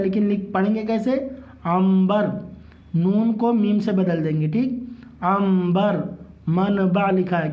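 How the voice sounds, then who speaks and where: A man teaching a reading lesson, who asks and answers his own questions and repeats words slowly. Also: high voice, dark tone. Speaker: Urdu and Arabic reading teacher. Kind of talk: slow classroom-style reading lesson.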